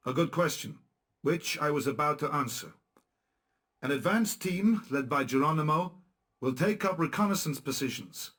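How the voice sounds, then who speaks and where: Speaking at normal speed with an animated, slightly bright and rather high voice, a male actor portrays a blunt guerrilla commander. His briefing to his men in this video game scene is dry, sarcastic and matter-of-fact.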